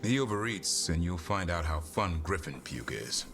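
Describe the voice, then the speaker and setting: A stern, dry-witted warrior. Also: male voice, deep voice, lively intonation, moderate pace. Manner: dry, blunt delivery. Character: stern, dry male warrior and griffin keeper. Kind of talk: video game dialogue. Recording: game audio over loud music.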